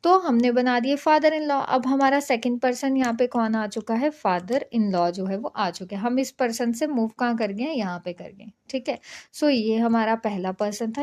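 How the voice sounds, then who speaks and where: Woman teacher, fairly high voice, patient, step-by-step explaining, frequent check-ins. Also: a little mellow. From India. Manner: patient, repeats "ठीक है" to check understanding. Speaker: reasoning teacher. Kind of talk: exam-prep lesson at a whiteboard.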